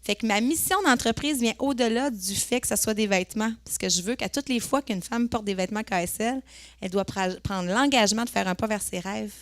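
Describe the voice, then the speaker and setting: A woman's voice: mid-range voice, brisk, dry recording, studio quality. A woman with a Quebec French accent, earnestly telling a personal story on a conference stage and sometimes searching for words. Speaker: entrepreneur giving a talk.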